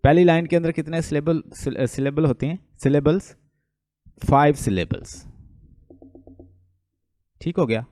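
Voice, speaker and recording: A man's voice: fairly high pitch, a little slow, pauses often, dry recording. A man giving an online English literature lecture, repeating points and asking the class questions he answers himself. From Pakistan. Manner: lively and repetitive, asks questions to the class then answers them; mixes English terms into Hindustani speech.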